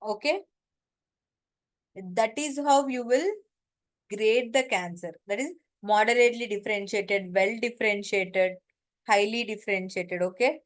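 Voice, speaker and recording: A woman's voice: mid-range voice, a little slow. A woman with an Indian accent giving an informal lecture, explaining step by step and often checking that students follow.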